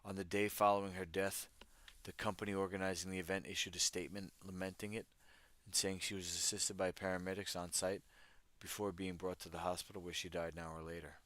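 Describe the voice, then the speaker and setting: A man's voice: sits low, flat delivery, fairly quick, fairly bright tone, dry recording. A man hosting a livestream, reading news stories aloud and riffing on them with wry, irreverent asides to his chat. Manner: reads articles aloud, then riffs on them. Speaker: livestream host. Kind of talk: casual news commentary.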